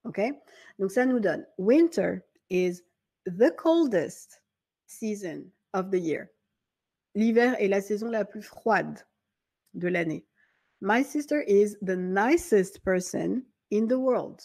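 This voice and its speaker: A woman teaching an English grammar lesson in French, patiently repeating key points and reading example sentences slowly in a friendly, informal way. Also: medium pitch, darkish tone. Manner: friendly and informal, addresses viewer as tu.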